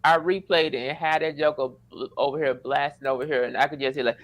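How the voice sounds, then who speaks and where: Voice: mid-range voice, fairly even intonation, fast. A guest on a live stream chatting casually, playful and joking, often repeating himself.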